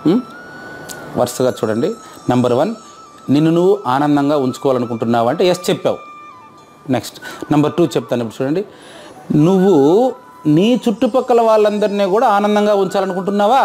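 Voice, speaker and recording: Man, lecturer, high-pitched, rapid, questions his listeners, music faintly behind. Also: darkish tone. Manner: quizzes audience, repeats questions. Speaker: teacher. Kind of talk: interactive lecture.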